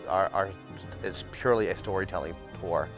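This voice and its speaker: A man's voice: low voice, normal speed, over music. A middle-aged man speaking unscripted in an interview about his work as a tour guide, conversational and matter-of-fact. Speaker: ghost tour company owner and guide.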